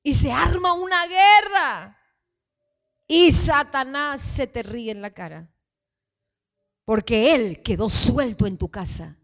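A woman pastor leading a call-and-response sermon, fervently exhorting the congregation and building to shouts. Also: medium pitch, lo-fi sound. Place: church sanctuary.

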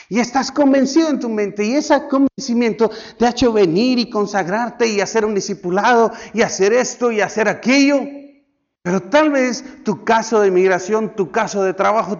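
A man preaching a sermon to his congregation, swinging between loud outbursts and hushed, slow lines, acting out quoted voices. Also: sits high, dull audio. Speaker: pastor.

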